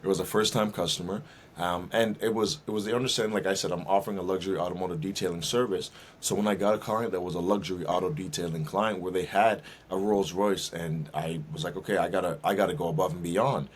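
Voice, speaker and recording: A man with a very low, deep voice talks through his plans in a relaxed interview, pausing often with ums and uhs as he gathers his thoughts. A faint hiss sits under the recording. He sounds like a young adult guest. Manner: thoughtful, many fillers and restarts. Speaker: guest, minister and auto detailing business owner. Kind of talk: casual interview conversation.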